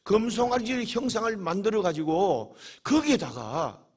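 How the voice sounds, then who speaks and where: Man, pastor, fervent sermon, rhetorical questions, husky tone, lively swooping pitch. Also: unhurried. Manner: fervent preaching with dramatic rhetorical questions and acted-out quotes.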